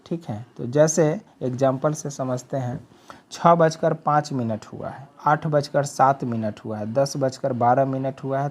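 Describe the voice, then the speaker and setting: Male tutor, slide voice-over; measured explainer, pauses to check understanding, drawls example phrases. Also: mid-range voice. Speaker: teacher. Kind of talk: spoken English lesson for Hindi speakers.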